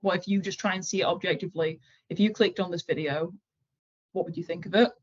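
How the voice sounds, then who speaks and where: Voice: medium pitch, fairly even intonation, quick pace, dull audio. A person in their twenties, a series creator answering interview questions in a frank, matter-of-fact, self-assured way. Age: 20s.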